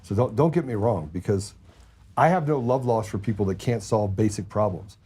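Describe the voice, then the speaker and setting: A man's voice: on the low side, moderate pace, mellow, breathy edge. A man hosting a political talk show, blunt and heated, often repeating words as he gets going.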